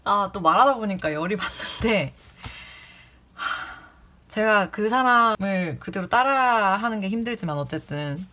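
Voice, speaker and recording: A woman's voice: mid-range voice, animated, a little slow, pushed and bright. Woman telling an indignant story. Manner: indignant, acts out quoted people in raised voices. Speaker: former community office clerk. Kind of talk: casual personal storytelling.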